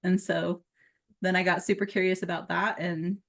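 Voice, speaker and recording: A woman from Utah talking as a guest in a podcast interview, relaxed, with lots of "um" and "you know" and frequent laughs. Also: lowish voice, normal speed. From Utah, USA. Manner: relaxed, laughing, filler-heavy. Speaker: guest, psychic medium. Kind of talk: casual interview chat.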